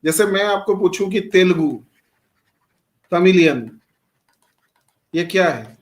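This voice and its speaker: Slow and expressive, his voice sitting high, a middle-aged man from Bihar lectures in Hindi laced with English. He asks rhetorical questions only to answer them, and he singles out students by name.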